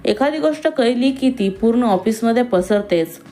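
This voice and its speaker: A woman voicing a timid young female employee who speaks softly and nervously, with faint music behind. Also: on the high side, expressive, moderate pace, natural voice. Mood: worried. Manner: soft-spoken, nervous, innocent.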